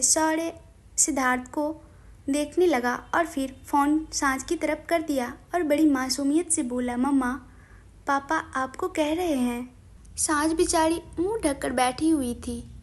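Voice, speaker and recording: A woman telling a romance audio story in a gentle, expressive, scripted narration. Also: high voice.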